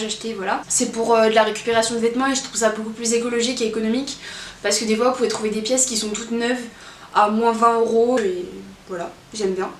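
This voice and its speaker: Chatty young woman in an echoey room. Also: fairly high pitch. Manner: chatty, rambling with many fillers. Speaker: vlogger. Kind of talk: casual chat. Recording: echoey room, from a distance, faint noise.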